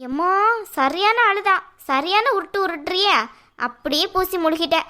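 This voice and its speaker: A woman's voice: extremely high pitch, moderate pace, sharp tone. A woman voicing a sly, meddling young sister-in-law in a cartoon, taunting sarcastically in a Tirunelveli Tamil accent. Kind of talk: cartoon voice acting.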